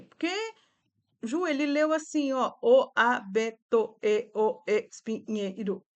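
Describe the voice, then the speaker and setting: A Brazilian woman teacher with a Brazilian accent, explaining reading activities to other teachers in a chatty way, checking in often with little tag questions. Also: a little high. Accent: Brazilian Portuguese.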